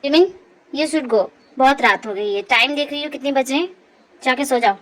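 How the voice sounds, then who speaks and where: A woman's voice: high voice, normal speed, a bit bright, voice pushed down. A young woman voicing a rude young man who snaps and orders others away. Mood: irritated. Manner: snappish, dismissive. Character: rude, curt young man, sister's brother-in-law.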